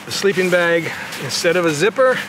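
Lively intonation marks this older man's high-pitched voice as he demonstrates his camping gear on a backyard lawn at a moderate pace. The motorcycle vlogger keeps it casual and step by step, frequently saying "again" and "right," over background noise.

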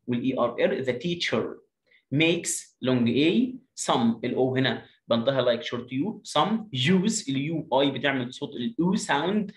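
A man with an Egyptian accent teaching a phonics reading lesson, reading English sentences slowly and then explaining them quickly in Arabic. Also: mid-range voice, echoey room.

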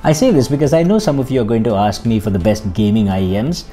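A man's voice: on the low side, quick pace, music in the background. A man reviewing earbuds in a casual, chatty way, with joking self-deprecating asides. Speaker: tech reviewer.

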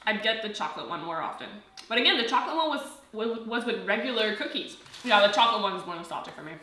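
A woman's voice: mid-range voice, fast talker. A young woman, chatting casually and eating snacks on camera as a vlogger. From Quebec, Canada. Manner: chatty, animated, eats while talking. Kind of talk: casual snack taste-test chat. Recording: echoey room, faint noise.

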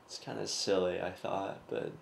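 A man's voice: low voice, little pitch movement, normal speed, gravelly, roomy sound, slight background noise. A young man telling his story in a documentary interview with dry, sarcastic humor. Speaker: student interviewee.

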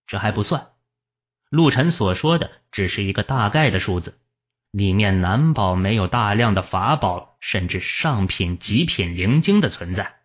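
A man reads a fantasy novel aloud as an audiobook narrator, telling the story steadily. His voice is low and somewhat husky, and the recording sounds dull and lo-fi. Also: moderate pace. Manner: steady storytelling, voicing the characters.

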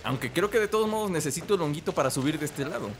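A man's voice: a little high, expressive, racing, a little hiss or hum. A young man with a Mexican accent, commenting playfully on a game he is playing and joking with its characters. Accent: Mexican Spanish. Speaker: gaming commentator. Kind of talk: let's play commentary. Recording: game music loud behind voice. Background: video game music and sounds.

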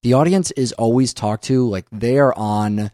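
A man co-hosting a casual film podcast, talking animatedly, swearing often and acting out scenes in quick voices. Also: medium pitch, dark tone, no room sound, clean studio sound. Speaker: podcast co-host.

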